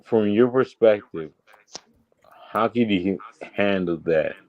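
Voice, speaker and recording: A man's voice: on the low side, slow, lo-fi sound. A man in a casual live chat, laid-back and slangy in the way he talks.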